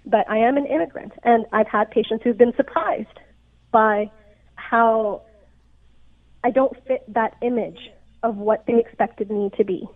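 On a tinny phone connection, a female physician originally from Pakistan gives earnest explanations as a radio interviewee, often asking "right?". Her voice is a little high and measured, with no room sound.

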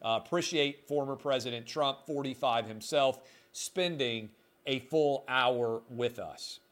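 A man's voice: mid-range voice, unhurried, fairly bright tone. A middle-aged man hosting a solo opinion podcast, talking emphatically and indignantly, with sarcastic asides. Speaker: podcast host.

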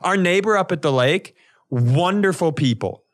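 A man with a high-sitting voice and lively intonation talks at a moderate pace as a podcast co-host. Trading casual comedic banter, he's crude and profane, swearing freely with mock indignation.

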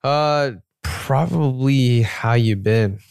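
A young man co-hosting a podcast, talking in a relaxed, easygoing way. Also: mid-range voice, very slow, creaky, clear, resonant tone, no echo, clean studio sound. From Georgia, USA. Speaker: podcast co-host. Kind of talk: casual podcast chat.

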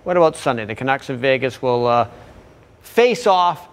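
A man's voice: mid-range voice, lively intonation, normal speed, smooth. A man presenting sports news as an anchor, in an informal, conversational way.

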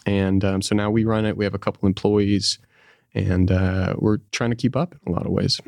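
Low-voiced man in casual interview, dry sound. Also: level tone, moderate pace, gravelly, darkish tone, no room sound. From Texas, United States. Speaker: podcast guest, small business founder.

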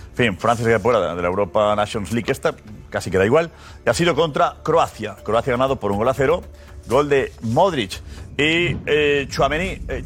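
Chatty Spanish TV sports host. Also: male voice, mid-range voice. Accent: Spanish from Spain. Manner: chatty, animated, informal asides. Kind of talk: live sports talk show opening. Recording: music bed underneath.

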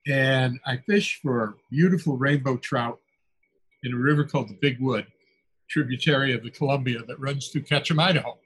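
Older man musing with soft chuckles. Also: mid-range voice, normal speed, breathy edge, rough recording. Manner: musing, chuckles often, trailing fillers. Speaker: author guest. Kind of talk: reflective interview storytelling.

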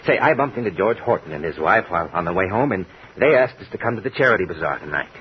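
An actor playing a cheerful, attentive husband in an old radio drama. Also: male voice, sits low, animated, fast. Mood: coaxing. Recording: muffled old radio recording, faint hiss.

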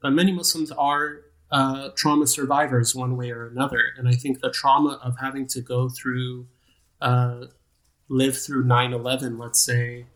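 A man's voice: mid-range voice, flat delivery, normal speed, a bit bright. A man in his thirties, a guest on an interview podcast, talking casually in a rambling, self-deprecating way with frequent restarts. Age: 30s. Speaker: guest, nonprofit program manager.

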